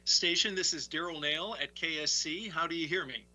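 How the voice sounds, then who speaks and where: Very bright-voiced male interviewer. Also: a little high, normal speed, low-quality recording. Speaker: launch broadcast interviewer. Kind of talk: live interview over a space link.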